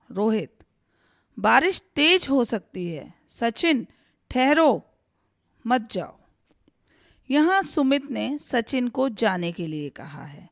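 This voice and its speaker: A woman Hindi teacher giving a slow, deliberate grammar lesson, recorded close to the mic. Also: on the high side, vocal fry, dry recording.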